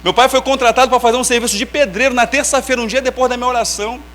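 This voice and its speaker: A young man from Brazil, a lay preacher giving a church sermon testimony, telling his story with emotion and moving between hushed prayer and raised exclamation. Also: very high-pitched, fairly even intonation, very fast. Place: church sanctuary.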